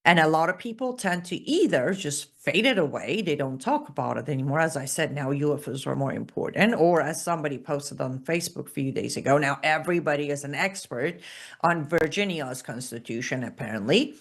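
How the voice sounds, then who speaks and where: Her voice is low-pitched, animated, and a little fast as this Iranian show host and political commentator holds forth. The monologue is sarcastic and emphatic, driven by punchy, repeated lines.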